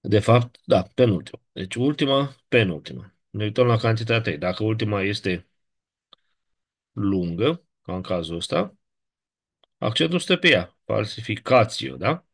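A Romanian man teaching a Latin lesson, his voice low and husky. He explains step by step and keeps checking that the students follow. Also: lively intonation. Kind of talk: classroom lecture.

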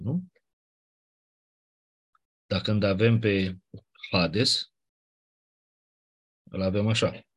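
A man teaching a class, explaining step by step in a conversational way with quick asides. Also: on the low side, slightly rough. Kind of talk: classroom lecture.

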